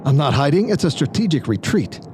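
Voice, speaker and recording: A man with a voice on the high side and a darkish tone speaks fairly quickly and very animatedly, with a little hiss or hum in the audio. In an audio drama, he plays a smug, egotistical magician and former stage star. The character taunts and coaxes in a theatrical, persuasive way.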